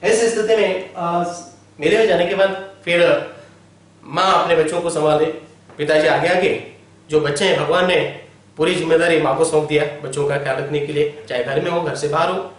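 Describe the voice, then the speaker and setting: A man's voice: a little high, steady tone, normal speed. A man teaching a college Hindi class online, telling a story at length and constantly checking in with his listeners. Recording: very echoey room, voice from far off.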